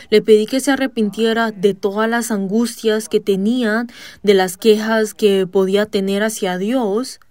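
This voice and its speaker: A woman giving a church testimony in a measured storytelling manner, pausing on "ah" fillers and breaking into loud shouted commands. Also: mid-range voice, dry recording. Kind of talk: spoken testimony sermon.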